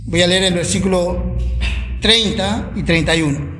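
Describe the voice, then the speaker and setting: A man preaching a sermon and reading scripture aloud, slow and deliberate, repeating words for emphasis. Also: high-pitched, bright, forceful tone. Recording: echoey room.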